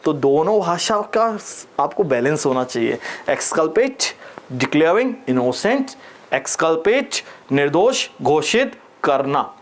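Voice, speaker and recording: Indian guy teaching exam vocab, jokey and lively, slightly high voice, flips between hindi and english. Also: slow. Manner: playful and animated, mixing Hindi and English, jokes and mock voices. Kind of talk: Hinglish exam vocabulary lesson.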